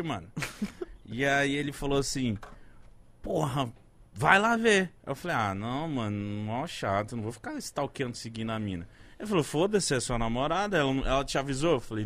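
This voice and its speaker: A man in his thirties chatting casually, telling a story in an animated way, swearing often and acting out what people said. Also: medium pitch. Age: 30s. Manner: animated storyteller, swears a lot, acts out quoted lines. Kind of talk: casual chat.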